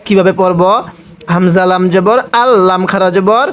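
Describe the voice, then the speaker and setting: A man's voice: high voice, moderate pace. A man from Bangladesh, a Quran teacher, spells out each letter and vowel mark one by one and asks and answers his own questions.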